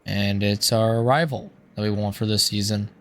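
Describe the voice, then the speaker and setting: A man with a hoarse, strained voice giving casual, rambling gameplay commentary, thinking aloud in an informal way. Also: lowish voice, fairly even intonation, moderate pace, fairly bright tone. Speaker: gaming YouTuber.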